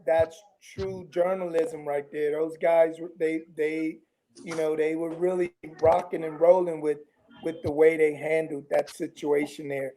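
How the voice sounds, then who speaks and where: Mellow, higher-pitched man, halting casual talker. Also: a little hiss or hum, low-quality recording. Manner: halting, repeats words as he searches for them. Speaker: talk show guest. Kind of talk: casual chat.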